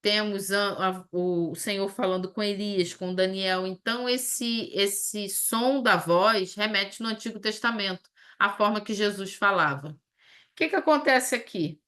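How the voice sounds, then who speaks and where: A woman teaching a Bible study lesson. She reads scripture slowly, then explains it in a conversational way. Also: mid-range voice, pushed and bright.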